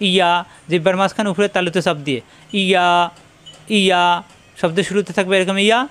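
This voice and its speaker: A man teaching Quran reading. He spells out letters and vowel marks slowly and repeats each sound patiently. His voice sits a little high for a man. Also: fairly even intonation, a bit bright. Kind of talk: spelling-out recitation lesson.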